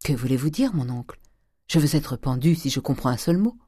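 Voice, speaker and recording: A man voicing a naive, emotional young gentleman who pleads in a high, strained voice. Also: expressive, fairly quick, breathy edge, dry recording, studio quality. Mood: puzzled.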